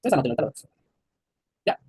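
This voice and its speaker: A man's voice: quick pace, darkish tone, no room sound. A man with a Mexican accent teaching an anatomy class, quizzing his students and joking in crude slang. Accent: Mexican Spanish. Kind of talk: classroom lecture.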